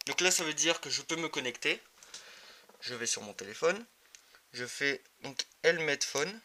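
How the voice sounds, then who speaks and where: An expressive, slightly high voice, bright and forceful at normal speed, belongs to a motorcycle gear reviewer doing a casual, improvised product demo. He's somewhat hesitant, and the amateur video is clearly noisy.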